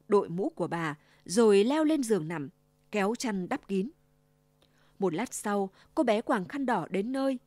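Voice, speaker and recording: A woman narrating a fairy tale as a scripted storybook reading, expressive and acting out each character. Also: mid-range voice, no room sound. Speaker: storyteller for a provincial broadcaster.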